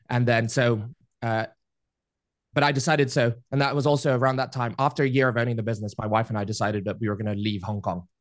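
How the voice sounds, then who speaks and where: A man's voice: medium pitch, no echo. Rambling man telling his story, dry sound. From Spain. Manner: relaxed, rambling, many fillers. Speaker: podcast guest. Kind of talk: casual interview storytelling.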